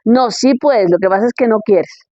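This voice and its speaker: Woman preaching, high voice, reads bible verses, keeps asking "ok?", dull dry recording. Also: normal speed, mellow, no room sound. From Colombia.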